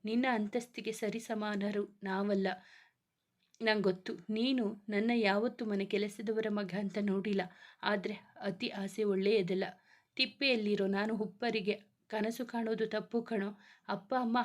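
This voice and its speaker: A woman's voice: mid-range voice, natural voice. A woman reading a story aloud and voicing a poor, earnest young man who pleads tenderly with the girl he loves.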